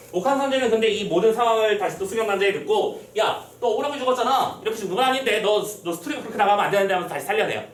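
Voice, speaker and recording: Male teacher, exam-prep lecture, high and lively voice, echoey room, distant mic. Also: a little hiss or hum. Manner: animated storytelling, acting out quotes. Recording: roomy echo, distant mic, faint ambience.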